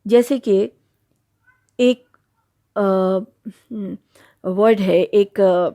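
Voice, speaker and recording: Gravelly, mellow-voiced woman teaching. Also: mid-range voice. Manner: patient, explains step by step with many pauses. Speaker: Quran recitation teacher. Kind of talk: religious lesson.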